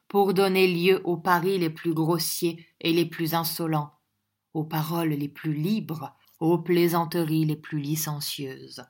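A woman reading a classic novel aloud in a steady, measured storytelling voice. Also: medium pitch. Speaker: audiobook reader. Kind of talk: scripted narration of a classic novel.

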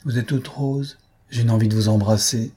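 A man's voice: medium pitch, steady tone, moderate pace, warm tone, breathy edge, lightly acted. Man voicing a teasing young count.

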